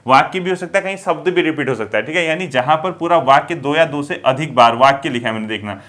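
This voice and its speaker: A man teaching an exam-prep grammar lesson, explaining step by step, asking and answering his own questions, and slowing down to read example verses. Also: a little high, fairly bright tone. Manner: drawn-out, slowed reading of example verses.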